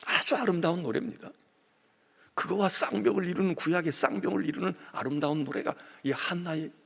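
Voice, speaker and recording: A middle-aged man preaching a dawn prayer sermon as senior pastor, swinging between loud emphasis and hushed whispers. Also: on the high side, vocal fry, slightly rough. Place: church sanctuary. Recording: long church reverb.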